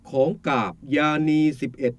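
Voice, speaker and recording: A man teaching Thai poetry, explaining the meter and reciting verse lines in a slow, drawn-out way. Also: no echo.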